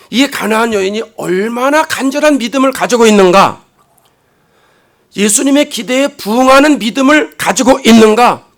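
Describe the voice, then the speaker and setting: A man preaching a sermon as a pastor in a church, swinging between loud emphatic rises and quiet low asides. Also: creaky. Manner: acts out quoted lines dramatically. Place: church sanctuary.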